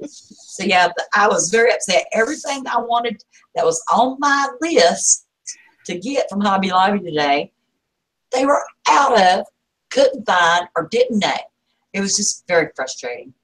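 A woman's voice: medium pitch, big pitch swings, unhurried, fairly bright tone, rough recording. A woman, chatting casually on a craft vlog and reading out viewer comments. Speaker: craft vlogger. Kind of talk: casual live chat.

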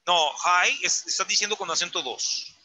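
Bright-voiced man teaching Mandarin. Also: high-pitched, normal speed, low-quality recording. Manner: patient, corrects pronunciation step by step. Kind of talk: online language lesson.

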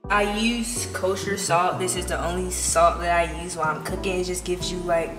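A woman chef demonstrates a recipe step by step in her home kitchen, her fairly low voice steady in tone and at normal speed. She speaks in an instructive way. Loud music plays behind her, and the recording sounds roomy and distant, as if from a camera.

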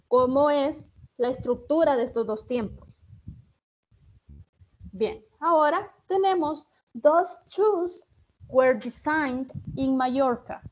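A woman with a Salvadoran Spanish accent teaching English in an online class, explaining slowly and reading example sentences with care. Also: sits high, darkish tone. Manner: slow, deliberate, reads English examples carefully. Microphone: video call. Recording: muffled online-class audio.

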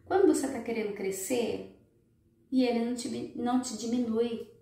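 A woman's voice: fairly high pitch, normal speed, gravelly, warm tone. A woman giving emphatic, repetitive relationship advice straight to her viewers. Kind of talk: motivational advice talk to viewers. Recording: very echoey room, far from the mic.

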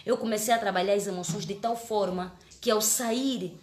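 A woman's voice: medium pitch, moderate pace, darkish tone. Earnest woman, echoey room. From Angola. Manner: earnest, emotional storytelling with many restarts. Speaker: actress. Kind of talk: casual live-stream chat.

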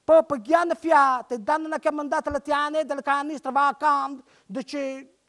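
Woman storyteller, Bari dialect, high bright register, theatrical recital. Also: steady tone, moderate pace. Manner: dramatic storytelling with sudden loud outbursts.

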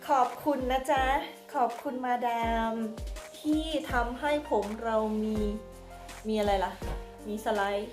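A woman vlogger casually telling a spooky story at home, animated and chatty. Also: on the high side, slow, recorded from a distance. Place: indoors, home haircut session. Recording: echoey room with faint music.

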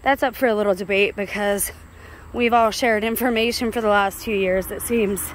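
Holding her phone as she strolls down a rural road, an American woman talks in a medium-pitched, steady voice at a normal pace. Her walk-and-talk vlog is casual and chatty, wandering off on tangents and sharing confidences. The outdoor roadside sound comes through clearly.

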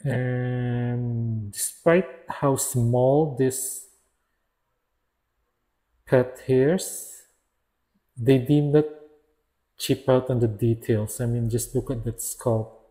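A man's voice: medium pitch, steady tone, very slow, long pauses, mellow. A man reviewing an action figure in a casual, hesitant way, often stopping to restart and correct himself. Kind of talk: casual product review narration.

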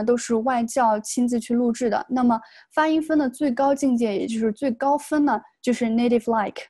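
A woman's voice: fairly high pitch, mellow, dry recording. A woman, teaching an online exam-prep lesson in a patient, explanatory way. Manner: patient, explanatory, models English words slowly. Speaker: English test tutor.

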